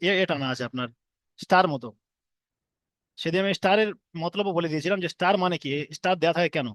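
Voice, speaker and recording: A man's voice: sits high, no echo. A man teaching an online class, patiently repeating and drilling each letter sound for his students.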